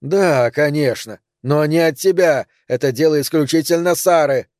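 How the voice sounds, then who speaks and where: A man reading an audiobook, voicing an angry younger man who shouts at his mother. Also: fairly high pitch, moderate pace, no room sound, clean studio sound, lightly acted. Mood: indignant. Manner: shouting in anger. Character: angry younger man, hot-tempered stepfather.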